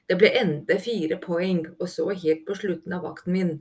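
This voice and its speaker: A dutiful male mole guard in a storybook, worn down by a noisy prisoner, as a woman narrator reads him. His tone is dry and weary, pitched somewhat low, with a loyal, grumbling patience. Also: steady tone, a little mellow, lightly acted. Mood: wry.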